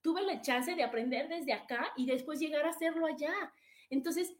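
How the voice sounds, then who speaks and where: Her voice sits high and moves at a normal speed over slight background noise. She's a middle-aged woman with a Mexican accent running a casual motivational live stream, chatting with viewers and reading out what they comment.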